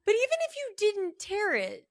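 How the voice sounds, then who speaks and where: A woman co-hosting a podcast in casual chat, curious and asking quick questions. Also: extremely high pitch, wildly swooping pitch, over a noisy crowd. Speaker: podcast co-host.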